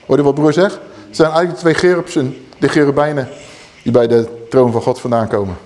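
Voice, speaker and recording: A man's voice: mid-range voice, brisk. A man teaching on a Bible passage in sermon style, emphatic and addressing his listeners directly. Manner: animated, emphatic, acts out scripture quotes.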